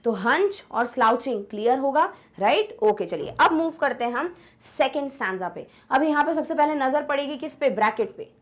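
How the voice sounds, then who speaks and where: A young woman teacher explaining an English poem in a chatty way, often checking whether students follow and reading the English lines slowly. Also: high-pitched, expressive. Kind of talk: online lesson explaining an English poem in Hindi.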